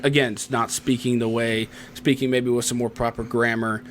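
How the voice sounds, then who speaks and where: A man's voice: mid-range voice, little pitch movement, normal speed, a little hiss or hum. A young man with a Southern country accent, chatting loosely as podcast co-host and often asking "you know what I mean". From Tennessee. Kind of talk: casual chat.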